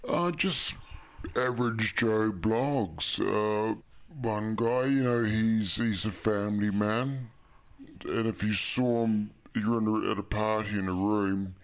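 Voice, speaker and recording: New guy, voice disguised by a filter so it's super deep and gravelly, talks real slow. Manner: halting, hesitant, with many fillers. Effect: electronically disguised, deepened voice. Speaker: anonymous interviewee. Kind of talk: interview clip.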